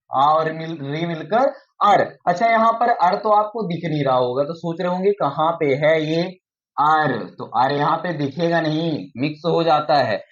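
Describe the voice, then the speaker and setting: A man's voice: fairly high pitch, a bit bright. Man teaching grammar, sounding out syllables. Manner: repeats sounds aloud, slows down to spell out examples. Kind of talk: explaining a lesson at a board. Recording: muffled lo-fi recording.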